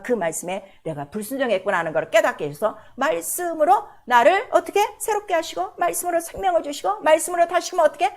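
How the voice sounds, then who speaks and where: A woman pastor preaching a sermon, firing questions at the congregation and swinging between loud, emphatic declarations and hushed, prayerful passages. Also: high-pitched. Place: church service.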